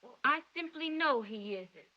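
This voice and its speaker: A woman's voice: sits high, expressive, a little slow. An actress playing an emotional young woman in love who speaks in breathless, gushing exclamations, on a dull 1930s film soundtrack. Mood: excited. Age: young adult.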